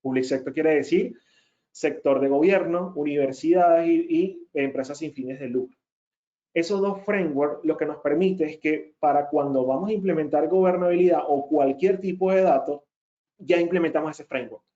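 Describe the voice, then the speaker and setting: A man with a fairly high but mellow voice walks his audience through a technical webinar. He explains patiently, keeps checking in with his listeners and pushes back with emphatic repeated denials. The audio is muffled and lo-fi. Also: moderate pace. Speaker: webinar presenter, data consultant.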